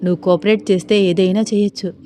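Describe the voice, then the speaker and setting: A woman's voice: medium pitch, steady tone, fast, mellow, a little hiss or hum, close to an everyday voice. A woman voicing a young husband with a playful, coaxing manner, in a storybook reading. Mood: teasing. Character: young man, gentle teasing husband.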